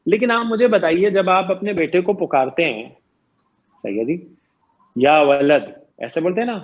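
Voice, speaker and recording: A man's voice: high-pitched, highs cut off. A man teaching grammar in an online lecture, explaining patiently, quizzing his students and repeating each point.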